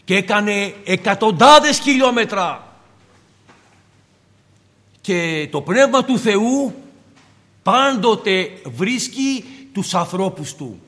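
A man's voice: high-pitched, sing-song, pauses often, a bit bright. A man preaching a fervent sermon to his congregation and acting out the dialogue he quotes. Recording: long hall reverb.

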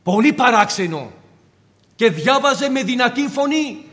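A man's voice: very high-pitched, lively intonation, fairly bright tone. A man preaching a fervent sermon to his congregation and acting out the dialogue he quotes. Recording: long hall reverb.

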